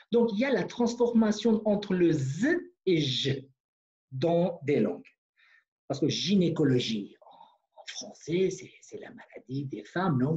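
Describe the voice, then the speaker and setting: A teacher leads an online language class at a slow, deliberate pace, saying each phrase more than once for the learners. The voice sounds soft and mellow. The audio comes through a computer mic and sounds muffled and lo-fi, like a web lesson. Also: mid-range voice. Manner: explains patiently, checks in with "ok?".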